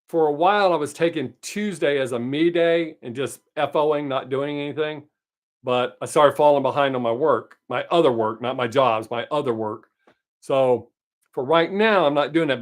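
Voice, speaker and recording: A man in his late fifties hosting a casual livestream, chatting upbeat with viewers and answering them by name. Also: on the high side. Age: 50s. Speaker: livestream host. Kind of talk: casual chat with live viewers.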